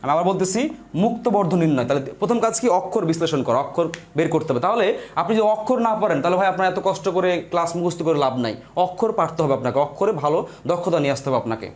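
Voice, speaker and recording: A man's voice: a little high, animated, racing. A man teaching a live online grammar lesson, explaining step by step and repeating his points to viewers.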